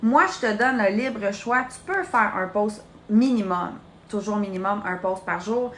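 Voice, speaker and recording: A Québécois woman in her late twenties runs a live social media training for her sales team, chatty and direct, calling the listener "tu." Her voice sits mid-range and moves a little slowly. The room echoes and there's a faint hiss or hum.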